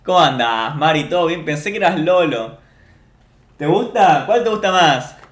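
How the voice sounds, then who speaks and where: A man's voice: on the high side, lively intonation, normal speed. A man with an Argentine accent, a streamer chatting casually and ranting jokingly to his chat. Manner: joking, mock-boastful rants to chat. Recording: roomy echo.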